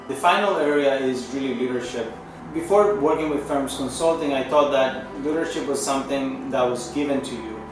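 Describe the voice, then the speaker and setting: Brief: man, 30s, from Chile, Spanish native, consultant testimonial; earnest, halting, many restarts; mic set back in a roomy, echoing space. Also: medium pitch. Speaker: management consultant. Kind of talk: testimonial interview. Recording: echoey room, distant mic, music underneath.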